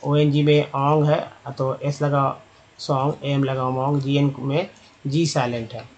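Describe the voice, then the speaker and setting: Speaking a little slowly in a mid-range, slightly mellow voice with little pitch movement, a man teaches an online lesson, treating viewers as friends as he spells letters and sounds out English words. The highs are cut off.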